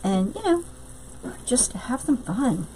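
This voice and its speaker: A woman's voice: on the high side, sing-song, takes it slowly, dark tone, a little hiss or hum, poor audio. A middle-aged woman, hosting a casual craft live stream, bubbly and greeting viewers by name.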